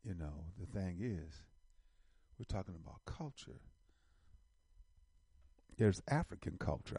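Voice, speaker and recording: Gravelly, husky man giving emphatic commentary. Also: on the low side, dark tone, no echo, clean studio sound. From United States. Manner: emphatic, repeats phrases, lists building in force. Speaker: online show host. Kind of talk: casual commentary reading an article.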